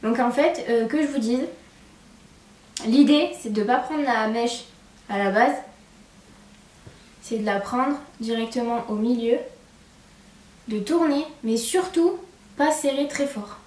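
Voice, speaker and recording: A young woman with a regional French accent, casually talking through a hairstyling tutorial at home, filling pauses with "hop" and "voilà". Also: on the high side, far from the mic. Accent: regional French accent with a marked "hein". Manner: chatty, relaxed, lots of "hop" and "voilà" while working. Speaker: hair tutorial presenter. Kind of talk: casual how-to demonstration. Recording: echoey room, speaker away from the mic, faint background noise.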